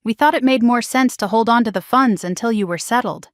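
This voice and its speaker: A woman's voice: a little high, fairly quick, no echo, studio quality, lightly acted. A woman voicing a stern, defensive middle-aged father who speaks in curt, commanding lines in a storybook drama.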